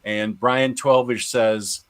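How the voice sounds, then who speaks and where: A man's voice: mid-range voice, steady tone, slow pace. A man co-hosting a casual chat show, reading out listener comments with playful banter.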